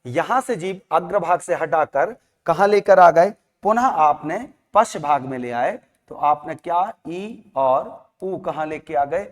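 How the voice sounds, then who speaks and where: Guy teaching a class, slow and high-voiced, drills sounds over and over, asks then answers himself, long echoey hall. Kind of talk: classroom lecture.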